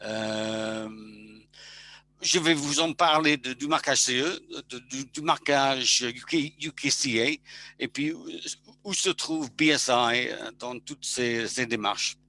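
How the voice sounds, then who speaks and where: Slow, bright-voiced man presenting, halting. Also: mid-range voice. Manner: halting, many restarts. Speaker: engineer presenting certification. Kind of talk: webinar presentation.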